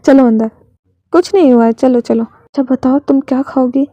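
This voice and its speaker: A woman's voice: high-pitched, steady tone, dry recording, natural voice. Woman voicing a choked, protective older brother. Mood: gentle. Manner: soft, halting, choked.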